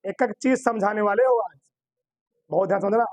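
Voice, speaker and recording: A man's voice: sits high, normal speed, dry recording. A man teaching a chemistry class in Hindi. He keeps posing questions to his students, answers them himself, and repeats key terms for emphasis. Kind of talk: classroom lecture.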